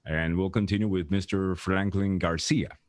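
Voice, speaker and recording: A man's voice: low-pitched, fairly even intonation, a little mellow. A male moderator formally introducing candidates and reading out questions at a forum. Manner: measured, formal.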